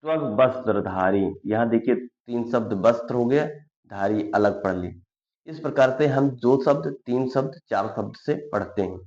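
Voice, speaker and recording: A man teaching Sanskrit in a patient lesson, explaining words one by one and reciting verses slowly. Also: mid-range voice, a little mellow, roomy sound. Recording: dull lo-fi sound.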